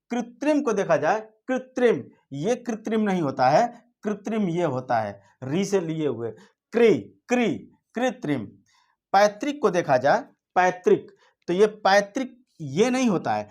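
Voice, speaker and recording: Male teacher for exam-prep spelling class; patient, repeats each word, explains it step by step. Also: high voice.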